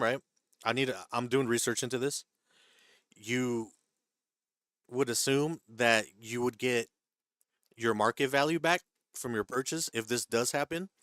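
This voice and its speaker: A man's voice: medium pitch, normal speed, pauses often, fairly bright tone, no room sound, studio quality. A man hosting a live trading stream who reads viewer questions from the chat and explains the rules, often checking in with "right?" and "okay?". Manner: hedging, repeats himself, checks in with "right?" and "okay?". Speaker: stock trading livestream host.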